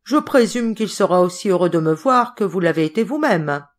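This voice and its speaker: A woman's voice: on the low side, expressive, brisk. A woman reading as a sneering drunken old sailor. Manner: sneering, gruff.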